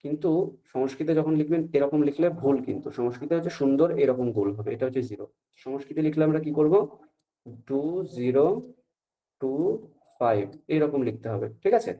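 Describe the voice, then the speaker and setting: A man's voice: medium pitch, a little fast, lo-fi sound. A male teacher giving an online Sanskrit class, explaining patiently step by step and often checking that students follow. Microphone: video call.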